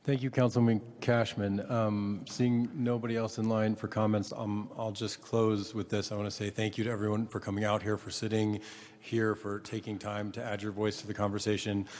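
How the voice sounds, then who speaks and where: A man chairing a city council meeting, speaking in a measured, earnest way with frequent fillers. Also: on the low side, little pitch movement, darkish tone. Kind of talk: formal council meeting remarks. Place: large council chamber. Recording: echoey council chamber.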